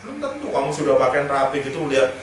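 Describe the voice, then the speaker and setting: A man's voice: medium pitch, big pitch swings, very fast. A man giving casual, humorous self-improvement advice, telling anecdotes and chuckling between points. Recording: very echoey room, speaker far from mic, faint noise.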